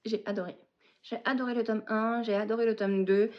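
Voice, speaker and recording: A woman's voice: fairly high pitch, fairly even intonation, a little fast, muffled recording. A woman hosting a casual knitting and reading podcast, talking in a hesitant way and often searching for her words. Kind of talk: casual podcast chat about knitting and books.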